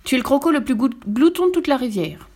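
A smaller, scolding crocodile with a raised, reproachful voice, as a woman reading a storybook puts him on. He sounds scornful and fussy, talking above the reader's own pitch. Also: a little fast, a little mellow, natural voice.

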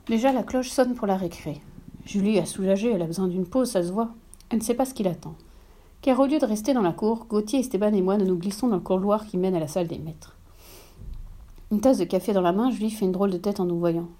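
A woman narrating a children's story in a gentle, steady manner. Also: mid-range voice, fast talker. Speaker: reader.

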